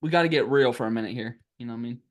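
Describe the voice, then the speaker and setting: A man's voice: mid-range voice, very fast. A man hosting a podcast in casual chat, playful while moving the show along. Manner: playful, steering the talk. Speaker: podcast host.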